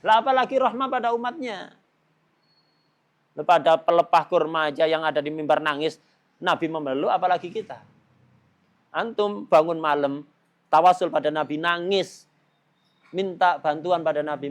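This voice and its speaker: High-voiced man teaching with rhetorical questions. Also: normal speed, long pauses. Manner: emphatic, frequent rhetorical questions to listeners; mixes casual speech with Arabic phrases. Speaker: religious teacher. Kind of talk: religious study lesson.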